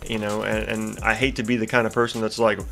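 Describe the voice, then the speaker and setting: With a fairly low, flat voice marked by vocal fry, a young gaming YouTuber talks quickly over faint background music, his tone fairly bright. He's congested with a stuffy nose, rambling and ranting about a video game as he plays, full of fillers and restarts.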